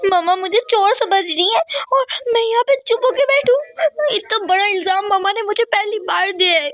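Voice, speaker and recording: A woman's voice: extremely high pitch, brisk, a bit bright, voice pushed up. Woman playing a tearful young stepdaughter. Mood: sobbing. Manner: pleading, sobbing. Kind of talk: voicing characters in a life-sim game story.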